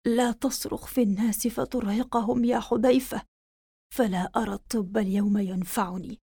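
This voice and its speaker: A woman's voice: a little high, normal speed, lightly acted. A woman voicing a faint, dying army commander. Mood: faint regretful. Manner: faint, weak, solemn last words. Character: dying male army commander, weary and regretful.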